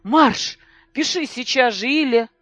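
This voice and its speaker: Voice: mid-range voice, lively intonation, normal speed, breathy edge, dry recording, lo-fi sound, faint music behind, voice pushed up. A reader doing a stern, scornful mother. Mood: shouting. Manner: sharp, commanding, scornful. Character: cold, stern mother losing her temper.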